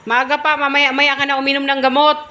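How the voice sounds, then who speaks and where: High-pitched woman vlogger chatting away, repeats herself, lots of traffic noise behind. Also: little pitch movement, fast talker, bright, forceful tone. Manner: chatty, repeats questions, teasing. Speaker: vlogger host. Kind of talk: casual chat. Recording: noisy background with passing vehicles.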